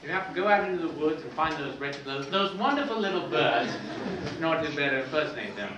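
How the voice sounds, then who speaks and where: A man doing a deadpan, mock-pompous comedy routine on stage. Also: fairly high pitch, fast talker, distant mic, highs cut off. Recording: roomy live stage sound from afar, audience and noise.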